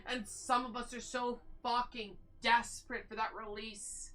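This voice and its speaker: A young woman, tipsy, giving a theatrical mock-motivational livestream monologue in a drawn-out way, swinging between hushed and loud emphasis. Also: fairly high pitch, flat delivery. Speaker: VTuber streamer. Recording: music behind the voice. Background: background music.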